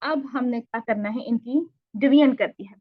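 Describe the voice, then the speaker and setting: A woman's voice: on the high side, moderate pace, dry recording, phone-quality sound. A woman teaching Tajweed in an online lesson, patiently repeating points and asking checking questions.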